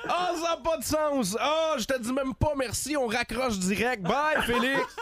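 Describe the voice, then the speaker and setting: A man's voice: very high voice, a little slow, crowd noise. A man hosting a radio show, bantering with a caller. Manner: laughing, lively banter. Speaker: radio host.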